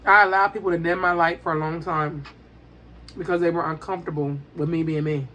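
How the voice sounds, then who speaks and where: A woman chatting casually and emphatically to her viewers while eating, repeating phrases and pausing with little mm sounds. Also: lowish voice, fairly even intonation, a bit bright, slight background noise. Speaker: mukbang vlogger.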